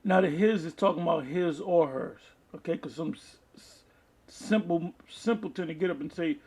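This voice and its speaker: A male lay preacher reads articles and scripture to an online audience in an informal video sermon, adding commentary as he goes. His slightly high voice is husky with a darkish tone, and his stop-start reading is halting, with asides, repeated phrases, and restarts.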